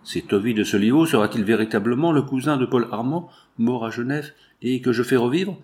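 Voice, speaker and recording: Man doing a cunning impostor, anxious, low brooding monologue, storybook voice. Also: a little fast, darkish tone, close to an everyday voice. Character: cunning male impostor, anxious, scheming, middle-aged.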